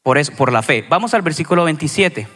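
A man with a Colombian accent from Cali, a pastor giving a sermon in a conversational, storytelling way with lively asides. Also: fairly high pitch, fast, faint music behind. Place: church hall. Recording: reverberant church hall.

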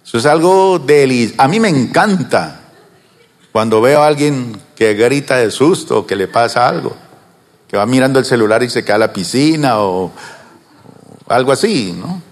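Animated pastor preaching in a reverberant church. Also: male voice, medium pitch. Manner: asks the congregation questions and answers them; swings between slow drawn-out words and fast asides. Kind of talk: sermon.

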